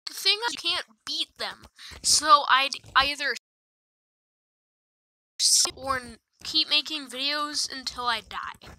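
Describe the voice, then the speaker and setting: A woman commentating her own gameplay in a high voice with a very bright, cutting edge. She talks slowly and drily, with sarcastic complaints and casual swearing throughout. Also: poor audio. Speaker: gaming video creator.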